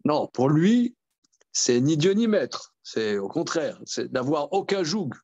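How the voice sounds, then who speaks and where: A man's voice: fairly high pitch, slow, dry recording, dull audio. A man teaching an informal Torah class, repeating himself and acting out everyday examples. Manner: animated, repetitive, with many restarts and role-played examples.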